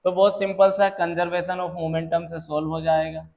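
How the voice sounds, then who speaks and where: Slow-talking man tutoring physics. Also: fairly high pitch, little pitch movement, creaky, darkish tone. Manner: calls students "beta", checks understanding; slow, deliberate explaining. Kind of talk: exam problem walkthrough.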